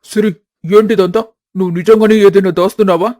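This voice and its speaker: A man voicing a questioning young husband in an animated family story. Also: sits high, brisk, no echo, studio quality, natural voice. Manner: questioning, sharp.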